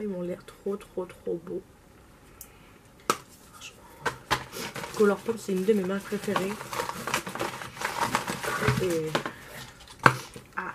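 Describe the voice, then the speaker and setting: A woman's voice: medium pitch, background noise. A young woman vlogging casually about her makeup purchases, gushing and repeating words for emphasis. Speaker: beauty vlogger. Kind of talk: casual haul video chat.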